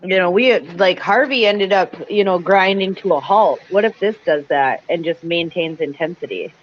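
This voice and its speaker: A woman's voice: fairly low pitch, moderate pace. A woman hosts in loose, casual talk with a blunt, informal manner. The audio is dull and lo-fi, with slight noise underneath. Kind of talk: casual speculative chat. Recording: dull lo-fi sound, faint noise.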